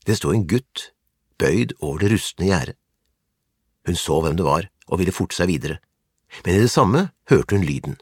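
Man, storybook reader, low voice, husky, calm, measured, dry. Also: dry recording. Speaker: narrator. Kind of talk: storybook reading.

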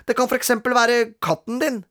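A storyteller voicing a mischievous young boy who talks his way out of trouble in a loud, sly, persuasive way. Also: medium pitch, steady tone, pitched above the performer's own voice, lightly acted. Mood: insistent.

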